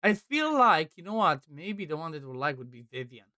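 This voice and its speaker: A man streaming a game and chatting casually, rambling with quick asides. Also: on the high side, big pitch swings, bright, forceful tone, no echo, studio quality. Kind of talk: casual chat while gaming.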